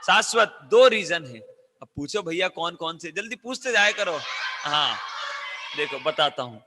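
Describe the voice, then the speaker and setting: A man teaching a class of children. He quizzes them with call-and-response questions and coaxes loud answers. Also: a little high, expressive, moderate pace, long reverb tail, background noise.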